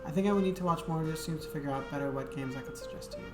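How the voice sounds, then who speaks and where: A woman game streamer talks very fast in a low voice, chatting casually with viewers. Her speech is rambling and hesitant, full of fillers, with game music in an echoey room.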